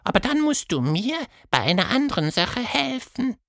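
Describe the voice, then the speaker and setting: A man voicing a small, playful tentacled fantasy creature in a children's story, with a squeaky high voice. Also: very animated, moderate pace, gravelly, fairly bright tone, no echo, clean studio sound, exaggerated voice. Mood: squeaky, pleading. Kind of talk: storybook narration.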